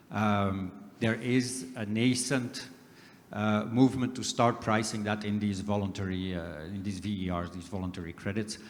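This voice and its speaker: A man speaking on a conference panel, explaining step by step with frequent hesitations. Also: on the low side. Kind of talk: panel discussion. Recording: reverberant conference hall.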